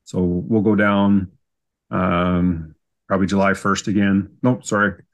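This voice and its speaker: On a podcast, a southern Saskatchewan man with a Canadian accent relates stories casually, laid-back and self-deprecating. His low-pitched voice stays flat and unhurried throughout his turn as an interview guest.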